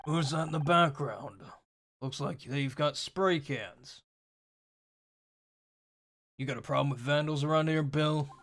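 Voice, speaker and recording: A man's voice: on the high side, a little slow, long pauses, a bit bright. A man reading a blunt, skeptical detective. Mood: questioning. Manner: read plainly in the performer's own voice.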